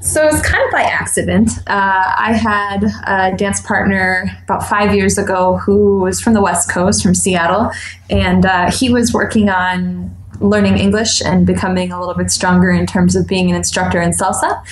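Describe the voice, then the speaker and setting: Woman from New York, mid-pitched, friendly and relaxed interview guest, roomy echoey sound. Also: normal speed, a little hiss or hum. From New York State, USA. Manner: friendly, relaxed, frequent ums and uhs. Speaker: guest, dance instructor. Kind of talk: casual interview answers.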